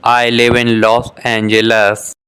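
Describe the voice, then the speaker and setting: Smooth and a bit bright, this man's medium-pitched voice is completely flat in delivery. He reads short beginner dialogues for an English lesson, each exchange twice, with measured, careful articulation suited to shadowing practice.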